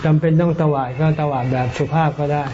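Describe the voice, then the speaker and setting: A man, a Buddhist monk teacher, answering questions in a dharma talk in a calm, patient way, often repeating words. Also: a little high, fast talker. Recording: dull audio with audible background noise.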